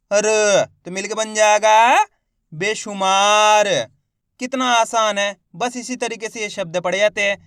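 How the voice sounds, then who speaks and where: Man, reading teacher, sounds out each syllable slowly, smooth clear voice, dry close sound. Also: sits high, fairly bright tone, no echo. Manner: slow, stretched syllable-by-syllable reading; encouraging, addresses viewers as friends. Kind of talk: spelling out syllables for a reading lesson.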